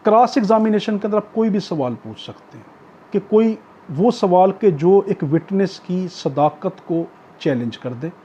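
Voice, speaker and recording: Speaking at normal speed with lively intonation, a Pakistani-accented law lecturer in a high, mellow, husky voice reads provisions aloud and then rephrases them, repeating points like a teacher. The recording is dull lo-fi with a little hiss or hum.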